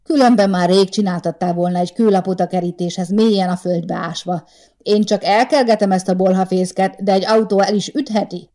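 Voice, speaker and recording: A woman's voice: medium pitch, steady tone, dark tone, lightly acted. A woman voicing a bitter, grumpy old man in his seventies who snaps scornfully at his neighbour in an audiobook story. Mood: scolding. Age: over 70. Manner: snapping, scornful outbursts. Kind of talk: audiobook character voice.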